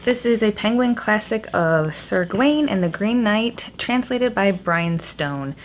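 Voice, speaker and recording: Her mid-range voice is expressive and a little slow as this young adult vlogger casually goes over her book haul. The recording comes from a small indoor room at home, echoing like a cave, with noticeable background noise.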